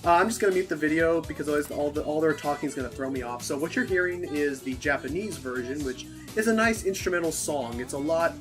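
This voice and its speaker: A man's voice: on the high side, fast talker, few pauses, music in the background. A man giving casual, rambling and jokey commentary on a video game with friends.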